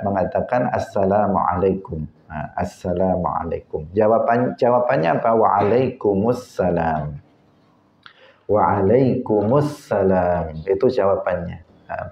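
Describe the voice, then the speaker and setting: A man teaching a religious lesson in an unhurried way, with frequent "eh" fillers, acting out greetings as he explains them. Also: medium pitch, creaky. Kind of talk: hadith study lesson. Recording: echoey, dull lo-fi recording.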